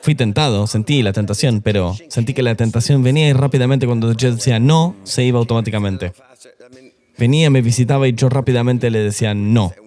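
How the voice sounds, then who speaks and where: A man's voice: medium pitch, brisk, warm tone. A middle-aged man, a pastor, telling his personal testimony in an earnest, confessional way during an interview.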